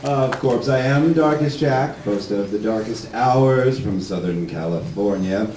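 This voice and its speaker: A man's voice: medium pitch, measured pace, darkish tone. A man speaking as a horror host, giving an emphatic, theatrical induction speech at a live event. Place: large room at a live event. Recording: echoey hall, distant mic, faint noise.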